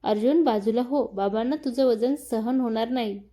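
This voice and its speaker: A woman voicing a calm, practical elder brother who speaks matter-of-factly. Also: a little high, moderate pace, close to an everyday voice.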